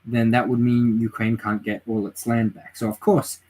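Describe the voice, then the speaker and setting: His mid-range voice is level and dark with a breathy edge, at a normal speed, on a rough recording. Late at night on a home livestream, this worn-out native English speaker rambles on about politics, reads chat messages out, and keeps restarting and using fillers.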